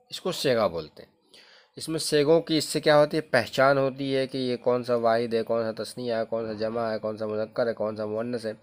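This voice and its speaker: In a classroom-style lesson, a male Arabic grammar teacher with a fairly low voice explains things patiently. He repeats the key terms again and again and keeps making sure the listener is following.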